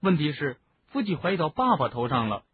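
A man's voice: a little high, very animated, brisk, slight background noise. A man reading a chatty teenage boy wizard. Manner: chatty, explaining at length. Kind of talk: audiobook reading. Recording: narrow phone-like lo-fi sound.

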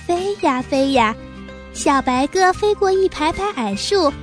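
A woman reading a children's story aloud in a gentle, expressive way. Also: high voice, a little slow. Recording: faint background music.

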